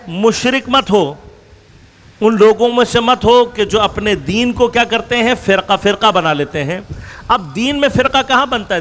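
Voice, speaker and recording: A man's voice: high-pitched, fairly bright tone. A man delivering a religious lecture to an audience, explaining with examples and asking rhetorical questions that he answers himself. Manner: explains with worked examples, shifting between slow stresses and quick runs. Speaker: religious scholar.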